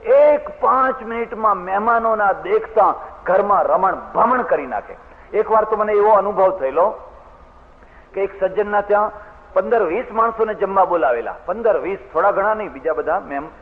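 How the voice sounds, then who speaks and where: A male preacher gives an earnest devotional sermon and moves through stories with small asides. His voice sits a little high. It comes through thin and tinny, with the long echo of a large hall. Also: expressive, normal speed. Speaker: spiritual preacher, swami.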